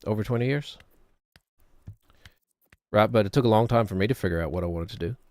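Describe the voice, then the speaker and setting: A middle-aged man commentates a game casually. His voice is on the low side and recorded dry. He muses wryly and rambles as if to himself. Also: racing, a little mellow, no room sound. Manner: musing, wry, talks to himself. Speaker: gaming streamer.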